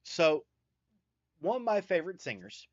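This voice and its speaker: A man's voice: fairly high pitch, sing-song, normal speed, no echo, muffled recording. A man with a mountain North Carolina accent, chatting casually with viewers on a livestream and thanking them by name. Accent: Southern US, North Carolina mountains.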